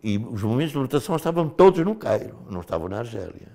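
An older man from Mozambique, once a liberation fighter, tells his story to a TV interviewer. He speaks animatedly, at a middle pitch, often tossing in casual fillers. It sounds like a lapel mic in a studio. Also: big pitch swings, rapid-fire, vocal fry, dark tone. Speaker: former liberation fighter, guest.

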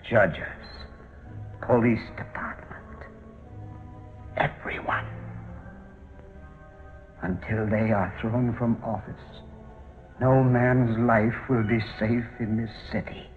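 Slow, grim reaper-like villain. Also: male voice, on the low side, steady tone. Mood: grim menace. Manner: slow, menacing, theatrical. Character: sinister criminal mastermind posing as the voice of death. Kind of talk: 1940s film serial villain acting. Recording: muffled old film soundtrack with loud music.

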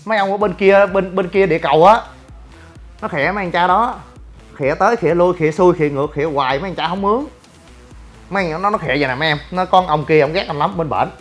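A man's voice: sits high, fast talker, soft background music. Brash man ranting. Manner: brash, blunt, lively and rambling. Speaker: gym owner and online personality. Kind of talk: casual livestream monologue.

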